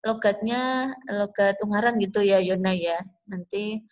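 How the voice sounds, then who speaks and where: Indonesian-accented woman teacher, slow and explanatory, lecturing a class. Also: medium pitch. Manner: slow, explanatory, drawn-out English phrases. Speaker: English teacher. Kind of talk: online class lecture mixing English and Indonesian.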